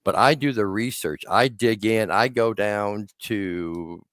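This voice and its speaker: A man's voice: fairly low pitch, slow pace, a bit bright, no room sound, clean studio sound. A man in his sixties hosting a podcast, chatting casually in a rambling, self-interrupting storytelling way. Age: 60s. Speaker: podcast host.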